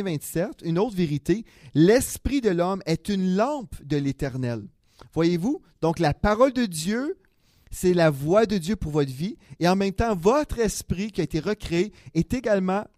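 A man's voice: high-pitched, darkish tone, no room sound, clean studio sound. A man preaching a chatty, conversational sermon, often correcting himself and chuckling.

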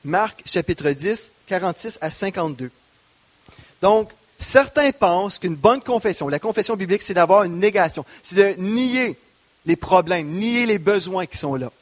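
A man's voice: high voice, expressive, normal speed. A man, preaching a sermon as pastor, asking the congregation questions. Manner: preaching with rising emphasis and rhetorical questions.

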